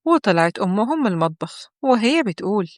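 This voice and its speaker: A woman's voice: mid-range voice, big pitch swings, fairly quick, no room sound, studio quality. A woman with an Egyptian accent narrating a scripted story and giving dramatic voice to each character. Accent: Egyptian Arabic.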